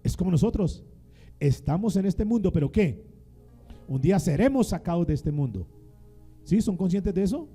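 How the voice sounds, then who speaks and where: A male pastor delivers a dramatic sermon in a fairly high, gravelly voice with a dark, mellow tone. He asks the congregation questions and calls on them to repeat his phrases. Faint music plays behind him. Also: lively intonation, normal speed, long pauses. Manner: dramatic call-and-response preaching.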